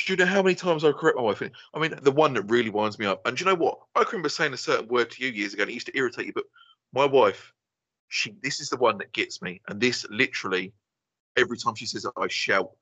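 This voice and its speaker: Guy on a podcast, swears loads, bright lively voice, kinda dull lo-fi dry sound. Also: mid-range voice, fast talker, dry recording. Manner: swears a lot, exasperated ranting. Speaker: podcast co-host. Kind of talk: casual banter.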